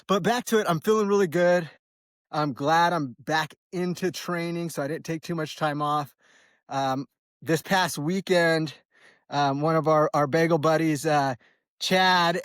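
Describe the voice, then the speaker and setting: A man's voice on the high side, with no echo and clean studio sound, belongs to an American trail runner in his early forties. He vlogs as he runs outdoors, rambling easily and using slang.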